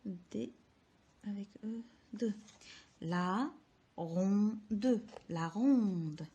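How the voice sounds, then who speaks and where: A woman teacher guides children through a handwriting lesson at a very slow pace, sounding out each letter and syllable. Her voice is dark and mellow with a husky edge, and she often drops to a near whisper. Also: medium pitch, muffled recording.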